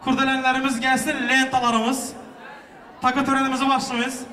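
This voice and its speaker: A man hosting a wedding as a booming announcer, calling out to guests in a jocular, teasing way. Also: little pitch movement, brisk, pushed and bright. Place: wedding hall over PA, music and guests behind. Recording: echoey hall, distant mic, music and crowd.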